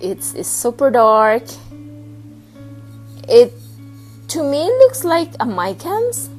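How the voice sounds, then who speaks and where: Lady chatting thru her plant updates, slightly higher voice, stops to find words. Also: wildly swooping pitch, a little mellow, faint music behind, low-quality recording. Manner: chatty, pauses to hunt for words. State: slightly out of breath. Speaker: plant vlogger. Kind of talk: casual show-and-tell vlog. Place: home with plant shelf, indoors.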